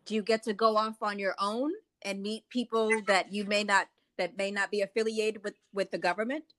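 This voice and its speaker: A woman's voice: medium pitch, fairly even intonation, moderate pace, fairly bright tone. A woman conducting a conversational interview, asking plain questions and follow-ups in an inquisitive way.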